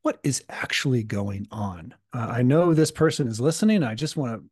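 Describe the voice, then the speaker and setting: Hoarse, gravelly man co-hosting a podcast. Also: medium pitch, lively intonation, moderate pace, darkish tone, no room sound, studio quality. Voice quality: gravelly, husky. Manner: thoughtful, with frequent fillers and restarts. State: hoarse from a recent illness. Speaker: podcast co-host and coach. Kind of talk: casual podcast chat.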